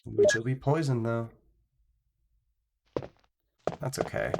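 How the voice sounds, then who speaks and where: A man's voice: mid-range voice, moderate pace, vocal fry, very noisy. A man streaming a horror game, talking casually in a rambling, joking way, sounding nasal from a stuffed-up nose. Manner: rambling, chatty, jokey asides. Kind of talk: casual gameplay commentary. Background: game music.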